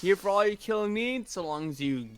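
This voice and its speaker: A woman's voice: mid-range voice, animated, a little fast, roomy sound, big-room sound. A young woman talking through a voice changer as a podcast guest, playful and casual. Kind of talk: casual chat.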